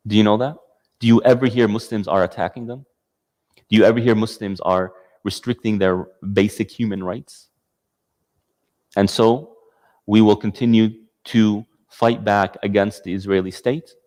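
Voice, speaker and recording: A man with a fairly low voice delivers a passionate talk, leaning on rhetorical questions. A long reverb hangs behind him in the hall. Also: fairly even intonation, moderate pace, darkish tone. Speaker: speaker giving a talk. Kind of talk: lecture with audience Q&A.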